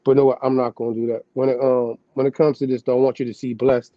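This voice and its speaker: A man's voice: medium pitch, level tone, fast, no room sound, muffled recording. A man hosting a podcast who switches between casual slangy talk and reading passages aloud, often turning to a listener he calls God. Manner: loose slangy asides, calling the listener "God".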